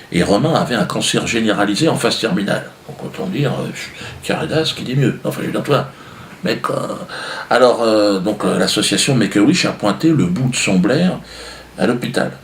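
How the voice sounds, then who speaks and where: A man's voice: mid-range voice, echoey room, slight background noise. A man doing a rambling, sardonic comedy monologue, full of fillers and asides. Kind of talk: stand-up monologue.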